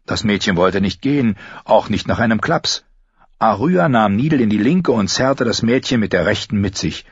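Husky low-voiced man narrating an audiobook. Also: moderate pace, no echo, lo-fi sound. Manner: steady storytelling, raises his voice high for the characters' lines. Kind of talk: scripted narration of a fantasy novel.

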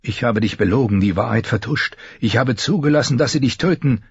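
A man voicing an imprisoned, grieving lord who speaks in a low, bitter, self-reproaching way. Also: brisk, husky, dry recording, lo-fi sound. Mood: guilty. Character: imprisoned lord, grieving, guilt-ridden middle-aged man.

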